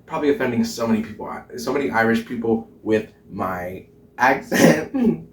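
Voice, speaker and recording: Heard from a distance on a camera mic a few feet away, a young man in drag cooks indoors at home and chats for his vlog in a mid-range voice. He is bubbly and giggly, swears often while tasting, and puts on a mock Irish lilt, with roomy kitchen echo around him.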